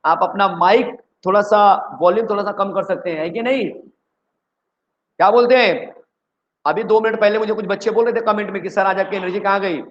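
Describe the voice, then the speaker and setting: A man from India teaching chemistry in an energetic online exam-prep lecture, who keeps quizzing his students. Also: high-pitched, fast talker, few pauses, muffled recording, a little hiss or hum.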